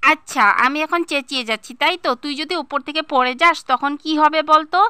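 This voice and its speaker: A woman's voice: sits high, fast, sharp tone, no room sound, clean studio sound. A woman playing a mother who scolds and nags her pet parrot in a comedic home skit. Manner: scolding, nagging tone.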